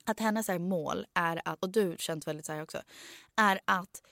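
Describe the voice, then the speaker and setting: A woman's voice: lowish voice, gravelly, no room sound, studio quality. Chatty young woman mixing in English. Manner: mixes Swedish with English phrases; animated storyteller, acts out quotes. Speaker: podcast co-host. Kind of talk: casual chat.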